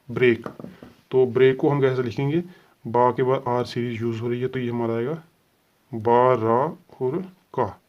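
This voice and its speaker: A man teaching a shorthand lesson step by step, patiently sounding out letters and repeating set phrases. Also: medium pitch. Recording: dull lo-fi sound.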